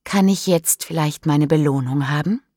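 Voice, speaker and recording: Storybook teen boy, softly teasing, in a woman narrator's own low, slow voice, dry close sound. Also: dry recording.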